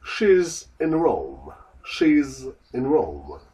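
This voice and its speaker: Brief: male lesson voice, slow, deliberate repetition, lively pitch, off-mic. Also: recorded from a distance, rough recording. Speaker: lesson model voice repeating lines. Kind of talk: slow repeat-after-me drills.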